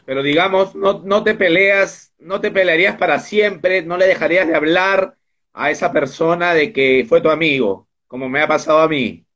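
A man's voice: fairly high pitch, moderate pace, a bit bright. Chatty man hosting over a dull line. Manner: chatty, jumps between topics with asides. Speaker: interviewer and host. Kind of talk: casual online interview. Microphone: video call.

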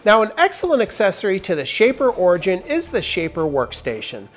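A woodworking host in his forties narrates a step-by-step tutorial on a lapel mic in a large workshop with wooden walls. His voice is high and swoops wildly in pitch, a little fast, over soft background music. He's upbeat and opens sentences emphatically.

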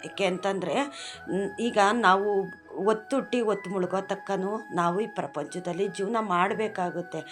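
A woman speaks to her followers in a heartfelt devotional talk, her voice sitting at an ordinary middle pitch. She sounds earnest and emotional, often pleading as she explains. Soft music plays faintly behind her. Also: normal speed. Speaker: devotional video host.

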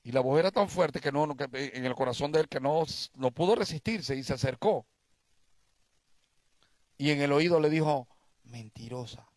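A man's voice: a little high, fairly quick, few pauses, a little mellow, no room sound. A male pastor preaching a sermon, asking the congregation questions and telling them stories.

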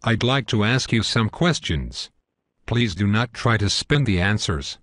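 A man's voice: on the low side, animated, unhurried, fairly bright tone, no echo, clean studio sound. A synthetic male voice playing a smug, belligerent parody news anchor in a scripted cartoon newscast, stiff and pompous.

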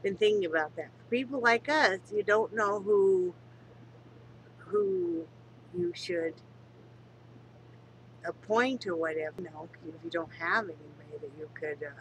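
Her voice fairly low and a little slow, with long pauses, a congested woman in her fifties from Wyoming talks candidly to her webcam at close range from the couch in her living room. In this casual home vlog she swears freely but turns somber and quiet, and the low-quality recording has slight background noise.

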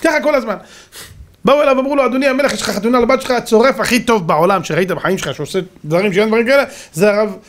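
A rabbi giving a lively sermon, telling stories and acting out the characters with shouts. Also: male voice, high-pitched, a little hiss or hum. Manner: animated, acts out voices and shouts in stories. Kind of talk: sermon with dramatic storytelling.

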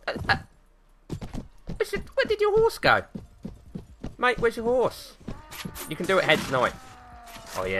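A young man streaming a battle game live, animated and jokey, barking orders at his troops and swearing cheerfully. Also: mid-range voice, slight background noise. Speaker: gaming streamer. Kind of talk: live gameplay commentary.

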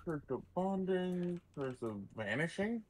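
A man playing a modded game with a friend, chatting casually and teasing him with deadpan jokes. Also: high voice, measured pace. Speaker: co-op gaming guest.

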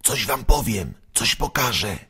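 A man's voice: lowish voice, big pitch swings, takes it slowly, a bit bright, slightly rough, pitched above the performer's own voice, full character voice. A man voicing a mischievous ten-year-old boy in a storybook, cheeky and conspiratorial. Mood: secretive. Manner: cheeky, secretive whispering.

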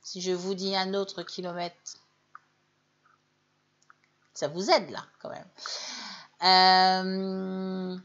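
Slow-talking woman teaching English live. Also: medium pitch, monotone, fairly bright tone, lo-fi sound. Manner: chatty, encouraging, reads viewers' names and corrects them; stretches out English model phrases slowly. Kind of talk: live online English lesson in French.

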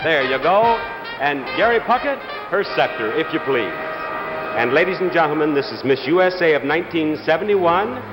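A man's voice: on the high side, expressive, normal speed, low-quality recording. A middle-aged man hosting a live pageant on a big stage, making ceremonial announcements and giving directions into a handheld microphone. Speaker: pageant host. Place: large stage in an auditorium with audience. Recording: old TV broadcast, loud band and applause. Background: loud music and cheering crowd.

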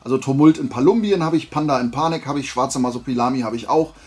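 A man hosts a flea market haul video, talking fast in a medium-pitched, slightly mellow voice over soft background music. His show-and-tell is conversational and colloquial, full of a collector's enthusiasm and questions he poses to himself.

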